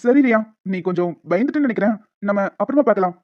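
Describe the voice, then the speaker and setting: A woman's voice: mid-range voice, lively intonation, rapid-fire, no room sound, natural voice. A woman voicing a smug, scheming young man who taunts and teases in a cartoon. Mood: evasive. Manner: taunting, teasing. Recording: dull lo-fi with music behind.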